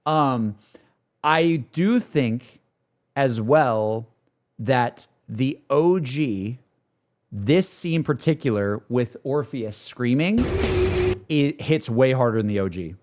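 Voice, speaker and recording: This man has a mid-range, slightly mellow voice. Music plays behind him as he streams his reactions to game cutscenes, speaking in relaxed slang and softening his opinions as he goes.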